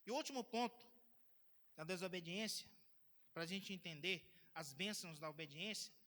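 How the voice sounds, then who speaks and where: Male pastor, high bright voice, lively sermon delivery, long church reverb. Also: moderate pace. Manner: animated, dramatizing scenes and quoting scripture aloud.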